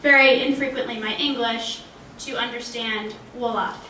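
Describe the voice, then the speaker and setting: A woman in her twenties, a language graduate on a panel, shares personal anecdotes conversationally in a college event room. Her voice is fairly high and sharp with fairly even intonation and a moderate pace, picked up by a distant mic in a roomy space with faint background noise.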